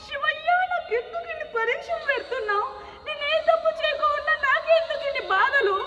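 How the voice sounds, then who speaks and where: A woman's voice: very high voice, fairly quick, pushed and bright, lo-fi sound, soft background music. A young woman acting in a stage drama, speaking in a tearful, pleading, anguished way, recorded from far off in an echoey hall. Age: young adult. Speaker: student actor playing the sick daughter.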